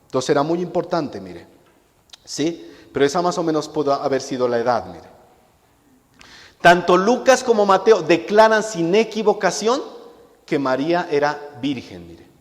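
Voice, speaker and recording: A male pastor preaches to his congregation in a church hall, emphatic and full of rhetorical questions, often repeating a key word for weight. His voice is a little high and sing-song at a normal speed, with long hall reverb on the recording.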